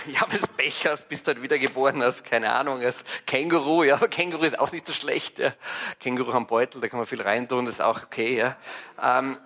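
A man with an Austrian accent giving a lively, colloquial sermon, acting out little dialogues. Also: mid-range voice. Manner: animated, colloquial, playful with acted-out dialogue. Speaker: preacher.

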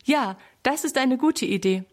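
A woman's voice: sits high, animated, measured pace, darkish tone, voice pushed up. A woman voicing a shy but honest little boy lamb in a children's storybook, speaking eagerly and earnestly.

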